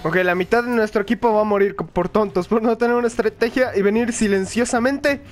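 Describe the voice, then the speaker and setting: Excitable young man doing gaming commentary. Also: sits high, a little fast. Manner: excitable, joking, yelling at the game and laughing. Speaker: gaming video host.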